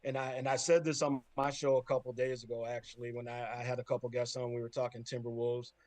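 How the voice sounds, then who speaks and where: A man's voice: mid-range voice, flat delivery, quick pace, a little mellow, no echo. A man guesting on a sports podcast, chatting casually and giving earnest advice, often repeating his words as he rambles.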